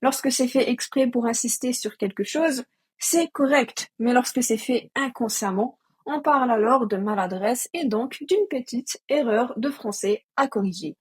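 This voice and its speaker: A woman's voice: a little high, slightly rough. Upbeat Québécois woman explaining grammar. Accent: Québécois French. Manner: upbeat, addresses listeners directly with quick questions. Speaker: teacher presenting a language lesson. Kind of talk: scripted educational narration.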